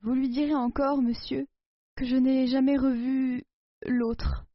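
A dying old mother full of anguish, her lament rising high and pleading, as a woman reader puts her on. The sound is dull and dry, with no room around it. It is storybook drama with heavy sorrow. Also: little pitch movement, measured pace, no echo. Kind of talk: audiobook dialogue reading.

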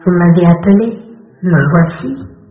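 A woman voicing a kind, wise fairy who speaks softly and reassuringly in an old radio drama. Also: lowish voice, a little slow, faint music behind, lightly acted. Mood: gentle. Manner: soft, gentle, reassuring. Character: kind, gentle fairy lady, calm and wise. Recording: tinny, echoey old radio recording.

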